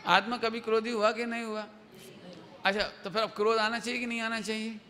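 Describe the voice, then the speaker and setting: A man's voice: sits high, little pitch movement, a little fast, bright, forceful tone. A man giving a religious discourse, explaining with everyday examples and quizzing his listeners with questions. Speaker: Jain preacher. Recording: hall reverb, faint noise.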